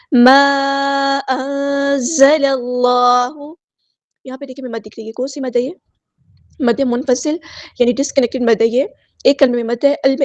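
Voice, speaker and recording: A woman teaching tajweed, chanting verses slowly and explaining each rule patiently, step by step. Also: high voice, mellow, no room sound. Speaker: Quran recitation teacher. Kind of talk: tajweed lesson with slow recitation.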